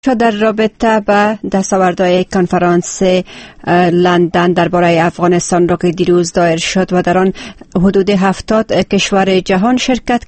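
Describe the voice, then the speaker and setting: Steady male radio news anchor. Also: high voice, no echo. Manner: steady, formal, occasional hesitation.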